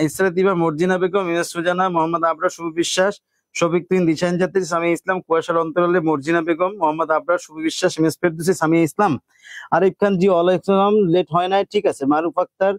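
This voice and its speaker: A man's voice: high voice, dry recording. A young man with a colloquial Bangladeshi Bengali accent teaching a live online exam-prep class, explaining step by step, calling listeners "bhai" and reading out student names.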